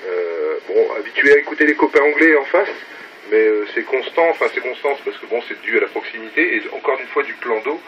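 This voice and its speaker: Sitting beside his radio set at home, a ham operator records his station on a phone held off the mouth, making a casual on-air contact. His medium-pitched voice is lively and fairly quick, full of enthusiasm and repeated words for emphasis; the audio is dull and very noisy.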